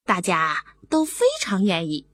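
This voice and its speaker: Lively woman reading a bedtime story. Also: fairly low pitch, measured pace, slightly rough, no echo, studio quality. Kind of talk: bedtime story narration for children.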